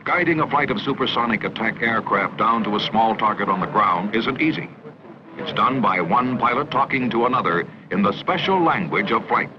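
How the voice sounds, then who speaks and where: A man's voice: fairly low pitch, expressive, normal speed, noisy background. A man with an American accent reading scripted narration for a 1960s military training film. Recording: muffled vintage film soundtrack with music. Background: music.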